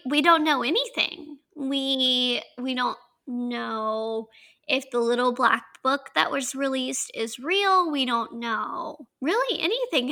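A woman in her twenties with a Southern accent, co-hosting a podcast in casual chat, chatty and quick to laugh. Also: high voice, sharp tone, low-quality recording. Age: 20s. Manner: chatty, laughs often, draws out words. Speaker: podcast co-host.

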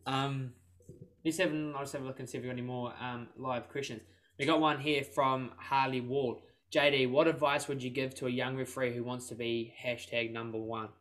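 A male co-host speaks at a medium pitch. He moves a casual interview along with chatty questions. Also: flat delivery, normal speed, fairly bright tone. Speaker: co-host reading audience questions.

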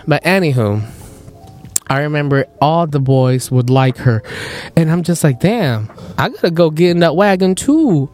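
Animated young man telling stories. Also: a little high, unhurried, soft background music. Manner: animated, laughs often, mimics voices while telling stories. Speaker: podcast host. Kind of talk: casual storytelling chat.

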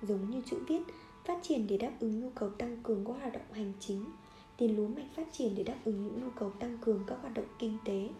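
A woman reading a nonfiction book aloud in a steady, measured way, now and then correcting a slip. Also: a little high, echoey room, soft background music. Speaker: audiobook reader.

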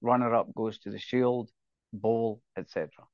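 A man's voice: on the low side, fairly even intonation, moderate pace, darkish tone, no echo. Muffled lo-fi audio, dry, older man, Scottish accent, casual interview guest, anecdotal. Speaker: podcast guest, rugby referee. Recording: dull, lo-fi, dry sound.

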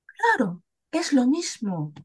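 A woman's voice: sits high, huge pitch swings, slow pace, husky. A woman from Spain, a dog trainer, explaining things in a casual chat and often checking in with her listener.

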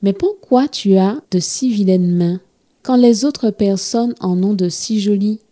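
A woman's voice: medium pitch, measured pace, warm tone, natural voice. A woman voicing a curious eight-year-old girl in a storybook, asking blunt questions.

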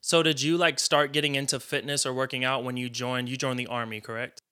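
Guy hosting a podcast, bright clean voice, super casual, says "like" a lot. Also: mid-range voice, flat delivery, brisk, clean tone. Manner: casual, leans on filler "like". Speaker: podcast host. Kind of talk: casual interview.

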